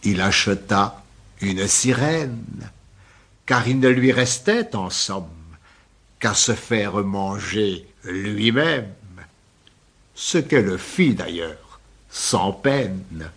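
Slow husky older man reciting poems. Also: fairly low pitch, fairly bright tone. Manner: slow, measured, lilting verse delivery. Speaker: poet reading his own poems. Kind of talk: poetry recitation.

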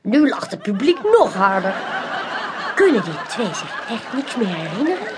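A woman narrating a children's audiobook with an expressive, animated, carefully paced delivery. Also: mid-range voice, normal speed, very noisy.

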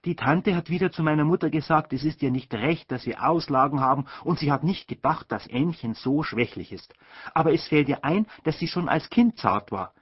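A male audiobook narrator telling a story with lively, animated pitch. His voice is husky. The recording is dry, dull and lo-fi. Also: moderate pace, no echo. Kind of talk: scripted narration.

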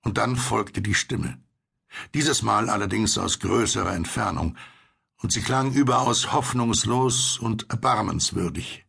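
A man narrating a horror audiobook in a measured, suspenseful way. His voice sits low, with a heavy gravelly rasp and a husky, rough texture throughout. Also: a bit bright.

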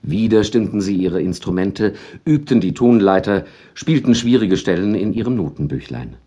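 Husky low-voiced man reading a story. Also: moderate pace. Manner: lively, expressive storytelling. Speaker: audiobook narrator.

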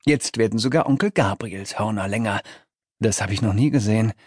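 A man narrating a children's fantasy audiobook in an expressive, lively reading. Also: lowish voice, brisk, slightly rough, no room sound, clean studio sound.

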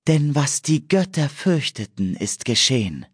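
An otherworldly male nymph seer intones a prophecy in a raised, drawn-out chant, as a man puts him on for an audiobook. Each phrase stretches slowly and rises well above a normal speaking voice. The sound is close and dry. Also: very animated, breathy edge, dry recording. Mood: prophetic. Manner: slow, high, drawn-out incantation. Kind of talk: audiobook character voice.

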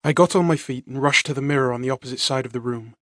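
A man narrating a first-person fantasy audiobook in a measured, dramatic read. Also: medium pitch, dry recording, clean studio sound.

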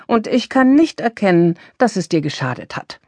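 Brief: easygoing grandmother in a storybook, read by a woman, calm and lively. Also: medium pitch, normal speed, no echo, voice pushed up. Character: relaxed lenient grandmother.

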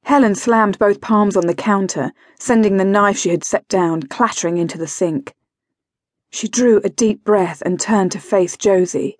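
A woman narrating an audiobook thriller in a measured, wry manner. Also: medium pitch, a little mellow, dry recording, studio quality.

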